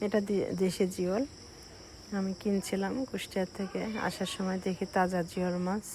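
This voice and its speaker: Slow-spoken woman with a cold. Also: medium pitch, little pitch movement, a little hiss or hum. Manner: slow, soft-spoken explaining. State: short of breath from a cold. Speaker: cooking vlogger. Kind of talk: casual cooking voice-over.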